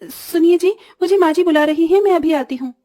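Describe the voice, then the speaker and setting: A woman plays a young, overwhelmed new wife who pleads and apologizes. Her voice is high and mellow, recorded dry and close. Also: fairly quick, dry recording. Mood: hurried.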